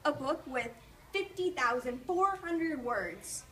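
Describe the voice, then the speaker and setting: A woman's voice: high-pitched, lively intonation, slow, bright, forceful tone, heavily acted. A woman voicing a reluctant, earnest, somewhat whiny schoolboy in a storybook read aloud, recorded with noise at a distance from the mic. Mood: glum.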